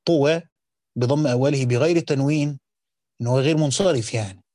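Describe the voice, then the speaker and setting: A man's voice: mid-range voice, quick pace, dark tone, no echo. A man with an Egyptian accent reads a classical Quran commentary aloud and explains it, moving between careful formal reading and casual colloquial asides. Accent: Egyptian Arabic.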